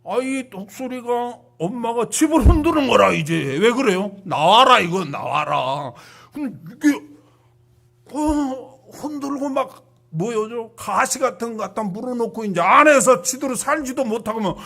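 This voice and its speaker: Male pastor, high voice; animated storyteller, hushed to loud, ends in prayer. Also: moderate pace, creaky, hardly any pauses. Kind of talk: sermon and closing prayer.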